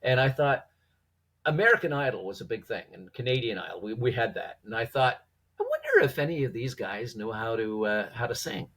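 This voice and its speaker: A man with a slightly husky voice telling stories conversationally as a guest, informally acting out quoted dialogue and posing rhetorical questions. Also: mid-range voice, wildly swooping pitch, a little fast, a bit bright. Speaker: podcast guest, former police trainer. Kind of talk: animated conversational storytelling.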